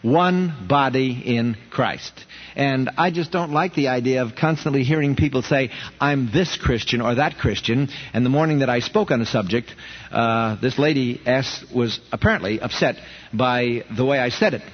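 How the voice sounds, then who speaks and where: Heard on a dull, reverberant radio broadcast, this Brooklyn man leads a ministry and takes listener questions earnestly in a conversational Bible study. He speaks in a mid-range voice at a moderate pace.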